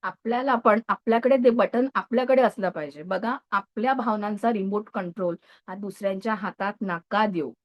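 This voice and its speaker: A woman in her thirties giving a lively, chatty motivational talk to a live audience, often checking in with her listeners. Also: medium pitch, normal speed, dull audio. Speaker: motivational speaker.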